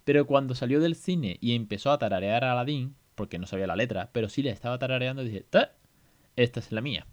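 A man's voice: mid-range voice, quick pace, hardly any pauses. A man talks through a casual podcast monologue. He is colloquial and self-mocking, and he restarts his sentences often. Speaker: podcast host and parent.

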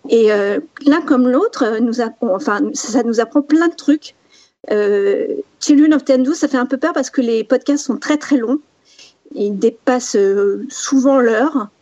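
A woman's voice: a little high, unhurried, dark tone, no room sound, lo-fi sound. A woman chatting on a podcast panel, hesitant and full of fillers and restarts. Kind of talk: casual podcast chat.

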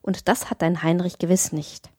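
A woman's voice: fairly low pitch, little pitch movement, normal speed, mellow, husky, no room sound, clean studio sound. A woman voicing a cheerful young male painter on foot, speaking in a friendly, teasing, earnest way in her own voice.

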